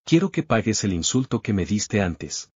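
A man's voice: on the low side, big pitch swings, moderate pace, darkish tone, husky, no echo. A man voicing an arrogant young bully who sneers and demands revenge. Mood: sneering. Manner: sneering and vengeful. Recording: slightly dull lo-fi recording.

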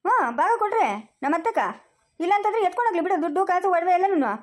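Rapid high-voiced arguing woman. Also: darkish tone. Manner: insistent, argumentative. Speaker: son defending his wife. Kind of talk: amateur family drama acting.

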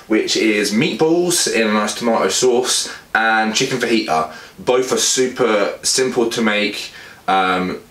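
In a small, echoey home kitchen with clear background noise, a young British fitness vlogger and meal prep host casually walks the camera through cooking. His voice is on the low side and a bit bright, and he speaks informally and plainly.

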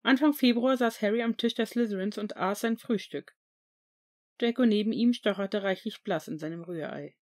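Woman narrator, steady storytelling read. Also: mid-range voice, moderate pace. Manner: even storytelling reading. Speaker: audiobook narrator. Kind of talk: scripted narration.

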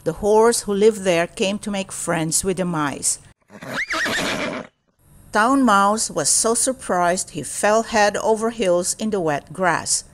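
A woman storyteller reads a children's storybook aloud in a deliberate, expressive manner. Her voice is mid-range, and the recording is very noisy.

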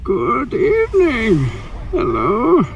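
A man's voice: very high-pitched, wildly swooping pitch, very slow, vocal fry, exaggerated voice. A man switching impression voices, playing a theatrical masked supervillain who taunts an old foe in a game skit. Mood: taunting.

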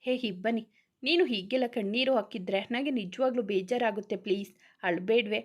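A woman voicing a loving young husband who gently soothes his wife in a read-aloud story. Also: on the high side, fairly quick, close to an everyday voice. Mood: tender. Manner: soothing, reassuring.

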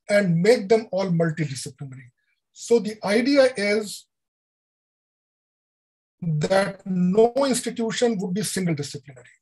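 An older man with an Indian English accent giving an online lecture over a video call, explaining deliberately with frequent fillers. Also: high voice, a little mellow, husky, low-quality recording. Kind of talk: online lecture on education policy.

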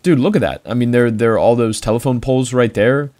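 A man's voice: medium pitch, quick pace, darkish tone, dry recording. A young man hosting a gaming video, mixing casual chat with narration. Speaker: video creator, host.

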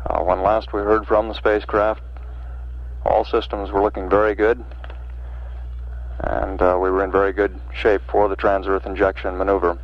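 A man giving halting, unscripted spaceflight commentary as a mission control announcer, with a gravelly voice. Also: fairly low pitch, little pitch movement. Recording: dull vintage mission broadcast audio.

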